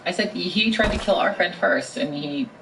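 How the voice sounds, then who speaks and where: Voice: medium pitch, normal speed. A player in a tabletop role-playing game, chatting casually and talking through choices with the group. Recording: distant mic with clear background noise.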